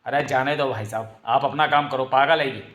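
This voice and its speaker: A man's voice: mid-range voice, fairly even intonation, fairly quick, a bit bright, a little hiss or hum, lightly acted. A man voicing a heartless shopkeeper who speaks in a dismissive, scornful way. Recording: roomy echo.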